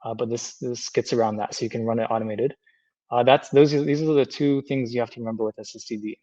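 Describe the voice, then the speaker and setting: A man in his thirties giving a technical presentation over a lo-fi video call, halting, with repeated words and stumbles. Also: mid-range voice, fairly even intonation, mellow, no room sound. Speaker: conference speaker. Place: indoor room, video call. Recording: dull lo-fi video call audio.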